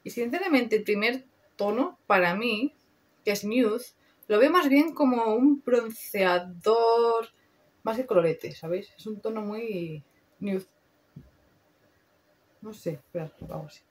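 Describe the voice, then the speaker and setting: A woman's voice: a little high, animated, measured pace, pauses often. A young woman with a Spain Spanish accent, chatting casually and slangily through a makeup review, swearing freely. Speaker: beauty vlogger.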